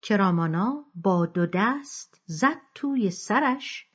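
Husky woman reading an audiobook. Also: medium pitch. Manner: steady storytelling delivery. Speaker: narrator. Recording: dull lo-fi recording.

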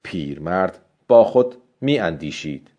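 Low, mellow male audiobook narrator. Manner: calm, steady storytelling.

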